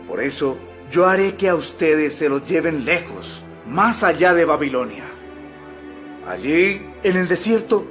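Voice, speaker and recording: Impassioned high-voiced preacher Stephen. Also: male voice, fairly bright tone. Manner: oratorical, emphatic, declamatory. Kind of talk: dramatized audio Bible acting. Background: background music.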